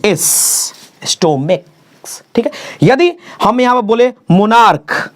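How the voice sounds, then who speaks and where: A man teaching English grammar in a classroom-style lesson. He spells words out letter by letter, repeats key phrases slowly and keeps checking "okay?". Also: high-pitched, lively intonation.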